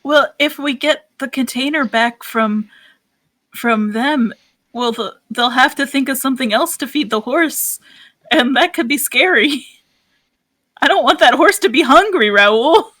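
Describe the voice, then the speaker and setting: Fretful out-of-his-depth investigator guy, a woman playing him, bright voice, pitched up. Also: measured pace, no echo. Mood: anxious. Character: Dickie, male investigator, out of his depth, skittish.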